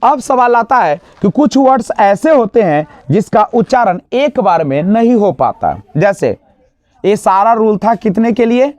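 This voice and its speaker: A man teaching an exam-prep grammar lesson, asking the class questions and answering them himself, and drawing out example words slowly. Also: sits high, sing-song, a little mellow, no echo. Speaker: English teacher. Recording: dull, lo-fi dry sound.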